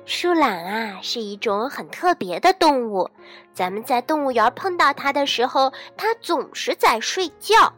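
A woman telling a bedtime story to children in a gentle, sing-song, soothing manner. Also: sits high. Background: soft background music.

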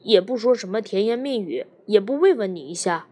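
A woman voicing a jealous, quick-tempered husband in an audiobook, speaking in a sharp, needling, sarcastic way. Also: sits high, animated. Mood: bitter.

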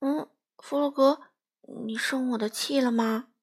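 A woman's voice: sits high, fairly even intonation, measured pace. A woman voicing a cheerful, curious young pig in a children's storybook, asking friendly and careful questions.

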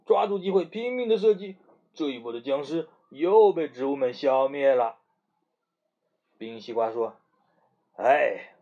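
A man narrating a children's story, animated, asking the listener questions. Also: high voice. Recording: muffled lo-fi recording.

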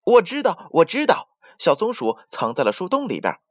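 A man voicing a chattering blabbermouth male myna bird in a children's bedtime story, talking fast and high and repeating himself. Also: no echo, clean studio sound. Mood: eager chatter. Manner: rapid, high, repeats itself excitedly.

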